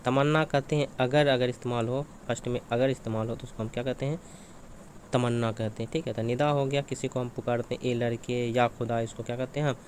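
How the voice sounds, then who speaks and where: A male teacher working through exam questions, asking each one aloud and answering it himself, over and over. His voice sits at an ordinary middle pitch. A faint hum runs underneath the recording. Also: fairly even intonation, fast, a little mellow. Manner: repetitive, asks and answers his own questions.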